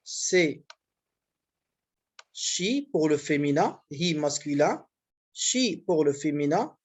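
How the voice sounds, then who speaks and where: Teaching grammar at university, this instructor explains things patiently and repeatedly while checking in with the class often. The medium-pitched voice is expressive and slow, with a breathy edge.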